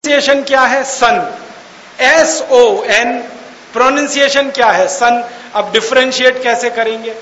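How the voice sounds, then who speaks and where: High-pitched man lecturing in an echoey hall. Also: a little slow, sharp tone, lo-fi sound. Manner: mocking, argumentative, rhetorical questions; spells out words letter by letter for emphasis. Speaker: public speaker. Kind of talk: lecture to an audience. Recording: echoey hall, faint hiss.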